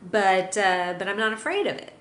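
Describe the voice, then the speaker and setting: An easygoing, shrugging pet dog that nothing can bother, put on by a woman mid-lesson. The voice is casual and unhurried, recorded in a roomy, echoey space. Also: mid-range voice, animated, a bit bright, close to an everyday voice. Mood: nonchalant. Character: calm unbothered pet dog, inner voice. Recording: roomy echo.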